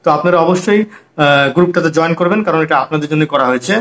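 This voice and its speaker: A man teaching a harmonium and rhythm lesson, talking casually and counting beats aloud slowly. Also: fairly high pitch, a bit bright. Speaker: music teacher.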